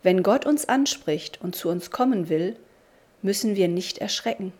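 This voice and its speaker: A woman reading a devotional story aloud in a slow, deliberate storybook manner. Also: mid-range voice, animated, a little mellow. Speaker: narrator.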